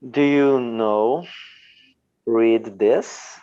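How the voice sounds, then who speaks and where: A male student with a Brazilian Portuguese accent, speaking halting English and searching for words with many fillers. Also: medium pitch, warm tone, clean tone, no room sound. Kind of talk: hesitant English practice. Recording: dull lo-fi audio.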